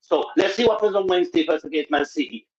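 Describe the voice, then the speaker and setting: A man's voice: high-pitched, quick pace, darkish tone. A man calling in to a casual football chat, talking with a sore mouth that has stitches after dental work. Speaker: fan caller. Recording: dull lo-fi call audio.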